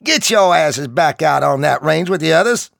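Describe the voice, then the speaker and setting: Gruff, profane drill sergeant, put on by a male narrator, pitched up and shouting. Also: animated, moderate pace, no room sound, clean studio sound, exaggerated voice. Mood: bellowing. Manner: barking, commanding, profane. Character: loud drill sergeant, gruff, commanding, adult man.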